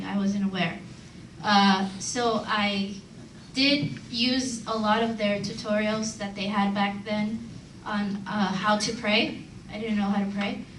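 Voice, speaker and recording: A woman's voice: mid-range voice, fairly bright tone. Earnest woman in a roomy meeting hall. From Los Angeles, United States. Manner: earnest, reflective, many hesitant fillers. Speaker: audience member at a community meeting. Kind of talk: personal testimony in open discussion. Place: large meeting room indoors. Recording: roomy hall, distant mic, faint hiss.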